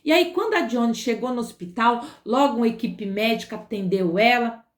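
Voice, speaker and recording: A woman telling a dramatic story to children, animated, with sound effects and fillers. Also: on the high side, fairly quick. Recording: roomy echo.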